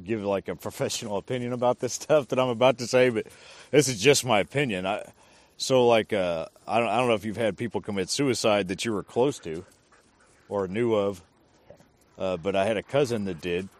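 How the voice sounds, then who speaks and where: A man's voice: lowish voice, brisk. A man who served as an army drill sergeant, talking casually and hesitantly, thinking aloud as he speaks. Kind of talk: casual conversation.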